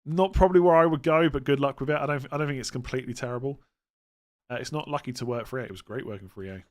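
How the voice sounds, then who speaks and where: A man with a West Country English accent and a mid-range voice talks rapid-fire as a fantasy football livestream host. In casual livestream chat, he reads out viewer questions and answers them matter-of-factly.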